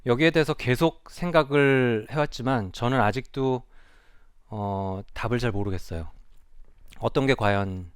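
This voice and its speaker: A man's voice: mid-range voice, measured pace, smooth, dry recording, studio quality. A man who is a child and adolescent psychiatrist, giving a reflective, earnest public talk on stage and asking the audience questions. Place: stage before a live audience.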